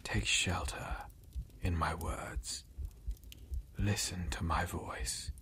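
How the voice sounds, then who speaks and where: A man giving gentle, reassuring ASMR relaxation in a soft spa-like whisper, in short phrases with pauses. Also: low voice, fairly even intonation. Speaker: ASMR guide.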